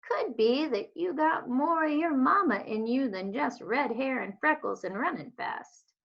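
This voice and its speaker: A woman voicing a kindly old lady from a children's storybook, folksy and unhurried. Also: high-pitched, lively intonation, gravelly, pitched above the performer's own voice, exaggerated voice. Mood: gentle, reassuring. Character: kindly old Southern woman with poor eyesight, warm and folksy. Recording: dull lo-fi home recording.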